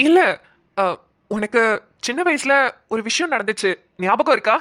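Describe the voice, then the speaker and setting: A woman's voice: fairly high pitch, expressive, a bit bright, no room sound, clean studio sound, exaggerated voice. A woman voicing a young man, a shy childhood friend who hesitantly confesses his love. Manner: hesitant, halting speech.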